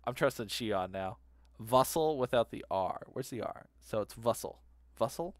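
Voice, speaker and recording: A man streaming a game, talking to chat in a loose, rambling way and repeating words aloud. His voice sits in a middle pitch, and the sound is dry and close. He hums little tunes between thoughts. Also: lively intonation, moderate pace, no echo. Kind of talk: casual chat while playing a game.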